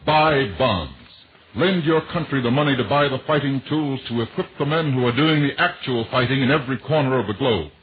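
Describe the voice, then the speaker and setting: A radio announcer makes a war bond appeal in 1940s style, his scripted delivery earnest and emphatic. He speaks a little fast at a medium pitch, over tinny, noisy vintage radio audio.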